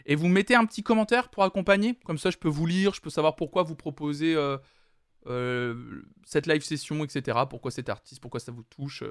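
A man's voice: on the high side, fairly quick. A man hosting a live music stream, chatting casually with lots of hesitant fillers. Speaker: streaming music show host.

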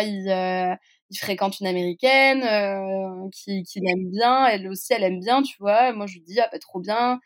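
A young woman from France, a podcast guest, telling a personal story in a chatty way, full of fillers and little asides to the listener. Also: medium pitch. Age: young adult. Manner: chatty, peppers speech with "tu vois" and fillers.

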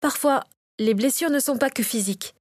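Woman reading brisk nurse figure, raised pitch, dry close voice, urgent and firm. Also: a little mellow, no room sound. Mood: earnest pleading. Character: former war nurse, brisk and determined woman.

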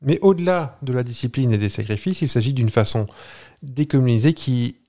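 A man's voice: mid-range voice, brisk, a little mellow. A man co-hosting a podcast, explaining a topic in a chatty, jokey way with fillers and restarts. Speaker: podcast co-host. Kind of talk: casual chat.

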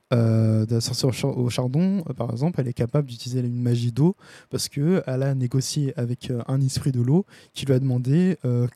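Hesitant man with a very dark voice. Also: mid-range voice, husky, no room sound. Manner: hesitant, many fillers and restarts. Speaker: host of a comics review stream. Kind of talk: casual live-stream review.

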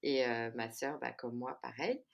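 Her rumbling low voice is gravelly, fairly even in intonation, and measured in pace, with the highs cut off in the recording. She's a woman from France in her thirties, guesting on a podcast and chatting casually, hesitating with frequent fillers and restarts.

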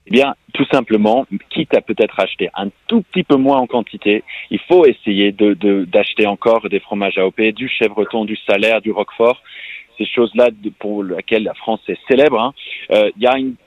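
Earnest American man, low voice, halting radio guest over a lo-fi dry line. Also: dry recording. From United States. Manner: earnest, halting with frequent restarts. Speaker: weekly radio columnist, farm founder. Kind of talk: radio interview by phone.

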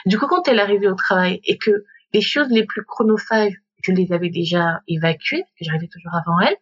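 A woman from Gabon, a coach and guest, tells her story in a casual interview, animated and slipping into quoted voices and English phrases. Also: medium pitch, husky. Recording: dull lo-fi remote recording.

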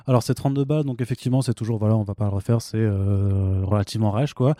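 French male host, very dark and mellow tone, halting and playful, dry close mic. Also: fairly low pitch, steady tone, no echo. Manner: hesitant, many fillers and restarts, playful teasing. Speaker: podcast host. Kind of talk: casual comics review chat.

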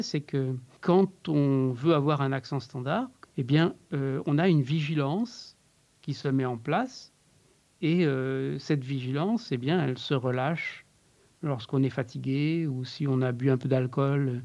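A man explains in an interview, slowly and carefully, and often pauses with hesitations. His voice sits in a middle register. The recording sounds dull and lo-fi. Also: medium pitch, creaky, darkish tone. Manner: measured, with frequent hesitations. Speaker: accent coach.

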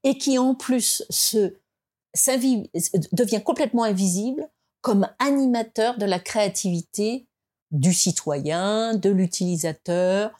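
A woman from France speaking as a guest in an interview, reflective and hesitant, with many fillers and restarts, and rising in pitch to stress her points. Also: unhurried, darkish tone. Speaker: design expert guest. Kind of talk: conversational interview.

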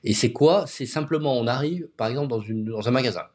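A male podcast guest who founded an agency walks through ideas step by step, backing them with concrete examples. His voice is medium-pitched with a darkish tone, and he talks fast.

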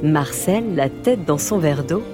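A woman narrating a children's story in a lilting, expressive way. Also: deep voice, measured pace. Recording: music bed under the voice.

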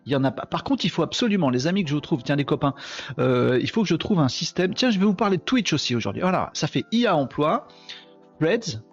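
A man hosting a casual live stream, talking in a chatty, animated way and addressing viewers as friends, a little tired. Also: on the high side, quick pace, dull audio, faint music behind. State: tired from insomnia.

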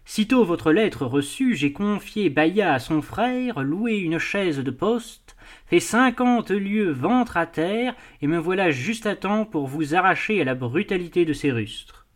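A man voicing a courteous, smooth-talking prince in an audiobook, explaining things patiently and politely. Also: sits high, lively intonation, a little slow. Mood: reassuring. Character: suave courteous male prince, smooth talker. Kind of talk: audiobook dialogue reading.

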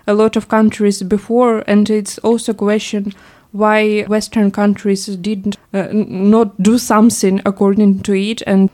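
A woman's voice: medium pitch, level tone, measured pace, hardly any pauses, darkish tone. Earnest Ukrainian woman podcast guest. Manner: earnest, searching for words. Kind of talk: discussion.

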